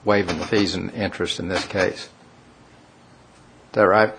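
A man's voice: sits low, fairly even intonation, moderate pace, gravelly, background noise. A man chairing a public commission meeting, pressing others for direct answers.

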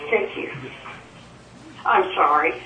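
A woman's voice: on the low side, slow pace, dull audio, background noise. A woman on a speakerphone call into a public board hearing, talking hesitantly with many fillers and restarts about her property appeal. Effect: heard over a speakerphone. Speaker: property owner appealing a valuation. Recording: thin, roomy, distant speakerphone audio.

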